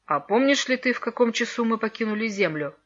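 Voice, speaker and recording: Woman reading kind old wizard grandpa, gentle and solemn, storybook, muffled lo-fi sound. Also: a little high, animated, brisk. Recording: dull lo-fi recording.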